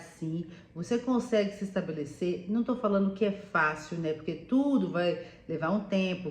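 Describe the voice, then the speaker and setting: A woman's voice: mid-range voice, a little mellow. A woman giving casual, chatty advice to viewers, often adding "né?" and calling the listener "meu amor". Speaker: vlogger living abroad. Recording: echoey room.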